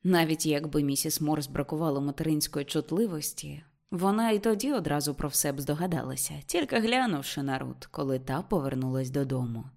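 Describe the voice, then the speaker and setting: Woman reading an audiobook, measured. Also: low-pitched, expressive, gravelly, darkish tone. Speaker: audiobook reader. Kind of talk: audiobook narration.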